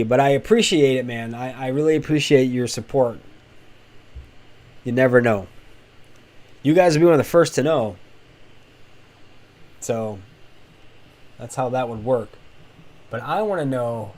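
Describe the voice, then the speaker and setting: A man's voice: mid-range voice, darkish tone. A man hosting a casual live stream, talking candidly and with strong opinions to his chat, rambling with frequent restarts. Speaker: host of a crypto live stream.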